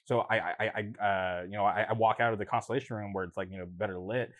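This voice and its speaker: A man's voice: on the low side, fairly even intonation, fast talker, fairly bright tone. A young man in casual conversation, telling stories informally with slang and repeated false starts. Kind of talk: casual chat, storytelling.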